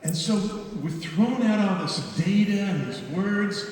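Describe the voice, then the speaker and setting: A man who works as a real estate trainer gives an animated seminar talk to an audience, asking rhetorical questions and stressing key words. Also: sits high, unhurried, a little hiss or hum. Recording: echoey hall recorded from far off.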